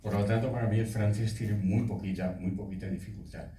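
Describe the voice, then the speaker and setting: A man in his eighties, a voice actor telling stories at a festival talk in a relaxed way. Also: on the low side, brisk, a little hiss or hum. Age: 80s. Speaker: voice actor guest. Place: festival hall. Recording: echoey hall, speaker far from mic.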